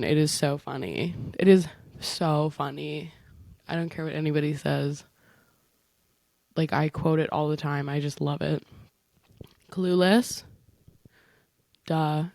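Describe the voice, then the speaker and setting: Young woman rambling on her podcast, lots of vocal fry, dry close sound. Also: deep voice, darkish tone, no room sound. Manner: rambling, chatty, self-interrupting. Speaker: podcast host. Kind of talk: casual solo podcast chat.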